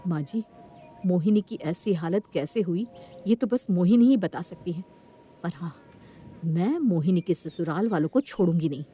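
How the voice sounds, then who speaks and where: A woman's voice: fairly low pitch, animated, normal speed, mellow, slightly rough, soft background music. A woman voicing a firm, protective sister-in-law. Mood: determined.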